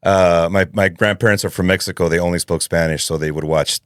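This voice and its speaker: A man, a voice actor and comedian, guesting on a podcast and telling animated stories with frequent laughter. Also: low voice, fairly quick, clean tone, no room sound, studio quality. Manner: animated storyteller who laughs often. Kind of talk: casual chat.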